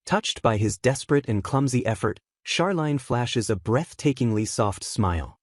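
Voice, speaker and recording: A man giving scripted recap narration in a steady, even storytelling delivery. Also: mid-range voice, normal speed, no echo, studio quality.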